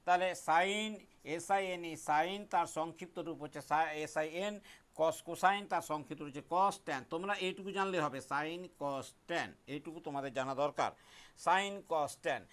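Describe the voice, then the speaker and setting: A middle-aged man, explaining a math lesson step by step in a high voice. He repeats key points and keeps checking that the class understands. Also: fairly bright tone. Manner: patient and repetitive, checks in often, chants a memory rhyme slowly. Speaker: math teacher.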